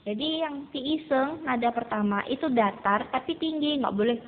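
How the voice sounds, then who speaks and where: A woman teaching a beginner Mandarin lesson to students, patiently explaining and repeating drills slowly. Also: high-pitched. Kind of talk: recorded classroom lesson. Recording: tinny phone-like recording with faint noise.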